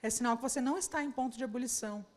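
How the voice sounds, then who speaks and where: High-voiced woman preaching. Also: racing, a little mellow. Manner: addresses the audience directly with rhetorical questions. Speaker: speaker at a church leaders' conference. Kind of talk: sermon.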